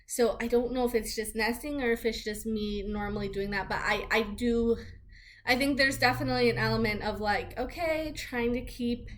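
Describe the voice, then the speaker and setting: A woman's voice: on the high side, moderate pace. A young adult woman chatting casually and informally in a rambling vlog style, peppering her talk with "like". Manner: chatty and informal, heavy use of "like". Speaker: vlogger giving a pregnancy update.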